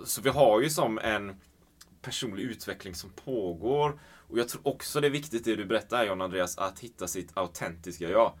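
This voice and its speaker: Low-voiced reflective male host. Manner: reflective, warm and encouraging. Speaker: podcast host. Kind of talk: casual conversation.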